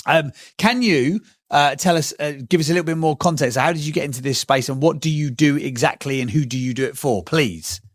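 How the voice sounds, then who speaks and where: A male podcast co-host with a somewhat high voice, playful and teasing in casual chat. He moves quickly between jokes and questions for his guest. The sound is close and dry. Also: dry recording. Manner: playful, teasing, bursts into silly singing.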